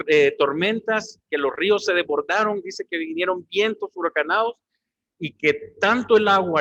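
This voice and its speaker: A man preaches a sermon, speaking to his congregation as brothers. His voice sits a little high for a man. The recording is dry and a bit dull. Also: a bit bright, dry recording. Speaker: pastor.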